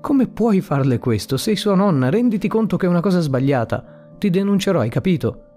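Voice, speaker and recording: An indignant wealthy young man presses his point, read by a male narrator. The voice stays mid-pitched and firm. Faint music plays behind the narration. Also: very animated, brisk, dark tone, close to an everyday voice. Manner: indignant, insistent.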